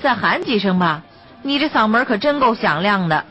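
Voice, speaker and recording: A man's voice: high-pitched, lively intonation, normal speed, pushed and bright, dull audio, faint music behind, pitched above the performer's own voice. A woman voicing a cruel young male militia squad leader who taunts and mocks his victims in an audiobook reading. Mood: mocking. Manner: taunting, mocking.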